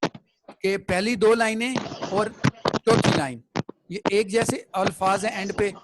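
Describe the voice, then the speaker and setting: A man's voice: sits high, fairly even intonation, slow pace, heavy background noise. A man teaching a classroom poetry lesson. He explains step by step and keeps checking that the students follow.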